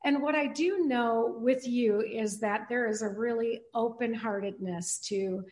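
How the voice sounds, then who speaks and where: A woman pastor hosting a podcast interview, speaking in a halting way with many fillers and restarts. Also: a little high, a little mellow. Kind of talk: casual interview chat.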